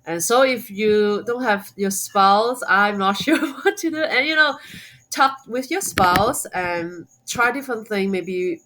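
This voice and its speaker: A woman's voice: mid-range voice, animated, slow pace, a bit bright, a little hiss or hum, low-quality recording. A woman from Hong Kong with a Hong Kong accent, a guest on a podcast interview, speaking English as a second language with many fillers and restarts. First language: Cantonese. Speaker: guest, homeschooling mom and blogger.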